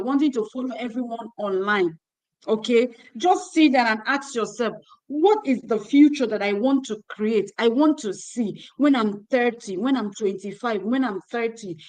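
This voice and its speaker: A woman, her voice set a little high, urges her young listeners on with preacherly repetition. She hosts a ministry livestream, speaking into a phone held in her hand. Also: a little mellow, rough recording. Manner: exhortative, preacherly, repeating phrases. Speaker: host. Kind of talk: closing remarks on a livestream.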